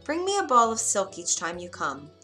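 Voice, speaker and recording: Woman doing a high, sweet, shy young maiden for a storybook. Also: wildly swooping pitch, normal speed, sharp tone, soft background music. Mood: earnest. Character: timid, gentle young maiden locked in a tower.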